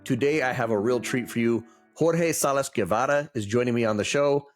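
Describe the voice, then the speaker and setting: A travel podcast host with a mid-range voice reads his intro briskly and welcomes a guest in a warm, enthusiastic way over faint background music. It is an upbeat opening that leads into an interview.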